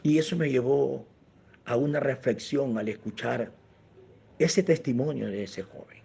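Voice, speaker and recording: A man's voice: medium pitch, unhurried, creaky, mellow, slight background noise. A male pastor telling a story in a sermon, earnest and reflective, speaking directly to his congregation. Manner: earnest, reflective, addresses listeners as brothers.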